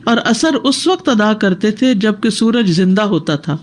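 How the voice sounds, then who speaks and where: A woman's voice: medium pitch, animated. Woman teaching a prayer lesson. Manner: explanatory, demonstrating with gestures. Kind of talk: religious lesson.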